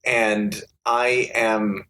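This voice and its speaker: A man's voice: on the low side, steady tone, drawn-out words, pushed and bright, a little hiss or hum. A man in his thirties from England, a podcast guest chatting casually and hesitating over his guesses. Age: 30s. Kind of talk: casual chat.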